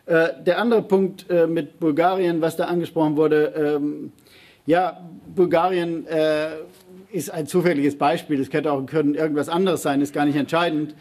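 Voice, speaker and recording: Husky, emphatic man in a public debate. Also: a little high, steady tone, normal speed, darkish tone. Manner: emphatic, hesitant with many fillers and restarts. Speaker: panel speaker answering audience questions.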